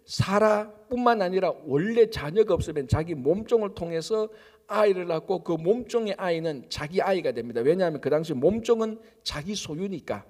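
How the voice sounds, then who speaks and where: A man's voice: sits high, darkish tone, long reverb tail. A male pastor preaching at an early-morning service, asking rhetorical questions and answering them himself. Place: church sanctuary.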